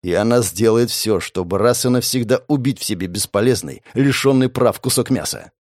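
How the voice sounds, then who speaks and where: A man's voice: mid-range voice, expressive, moderate pace, a little mellow, no echo. A man reading a first-person audiobook in a tense, gritty storytelling manner. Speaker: audiobook narrator.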